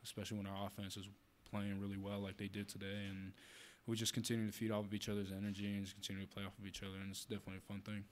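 A young man, a college linebacker, answering post-game questions quickly, saying "I mean" often. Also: fairly low pitch, a little hiss or hum. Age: young adult. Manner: quick, flat, peppered with "I mean". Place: press room with logo backdrop. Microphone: table mic.

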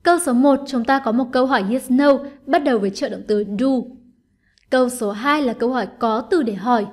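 A woman teacher giving an online lesson, explaining patiently and clearly, step by step, to her students. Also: fairly high pitch, fairly quick, darkish tone. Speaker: English teacher.

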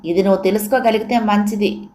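Woman reading as an older mother, soft-spoken yet firm and principled, storybook reading. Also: medium pitch, steady tone, fairly quick, close to an everyday voice. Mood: sorrowful firm.

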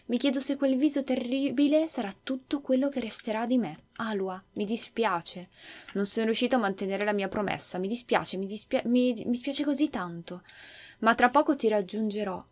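A woman's voice: a little high, normal speed, lightly acted. A woman voicing a timid, sweet young boy in an earnest way while reading a game's story aloud.

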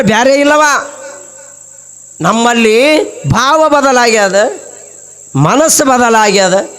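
A man with a North Karnataka Kannada accent preaching a storytelling sermon and acting out the characters' voices. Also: sits high. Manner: acts out characters' voices while telling a story.

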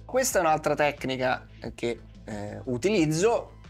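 A man's voice: fairly high pitch, sing-song, a little slow. A man in his thirties gives casual instructional commentary in colloquial speech, talking straight to the viewer with rhetorical questions. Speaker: car detailing presenter. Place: small padded studio, seated at a desk. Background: music.

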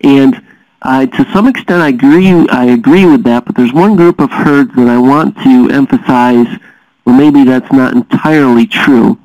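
A man's voice: medium pitch, normal speed, no echo. Man explaining dairy economics, dull dry sound. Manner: explanatory, steady, with frequent "uh" fillers. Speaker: dairy science lecturer. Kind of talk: recorded lecture.

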